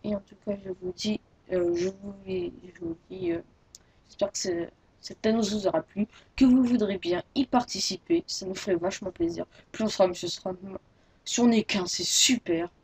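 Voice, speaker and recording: A woman's voice: mid-range voice, expressive, normal speed, gravelly, darkish tone, slightly rough. A teenage girl making a casual video announcement as a gaming YouTuber, rambling and hesitant with many restarts. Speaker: Minecraft YouTuber.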